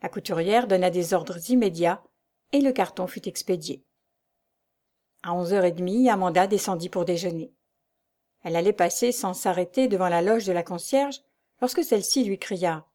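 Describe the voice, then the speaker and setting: A woman narrating a classic novel as an audiobook, in a calm, even storytelling tone. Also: fairly low pitch, moderate pace. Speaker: audiobook reader.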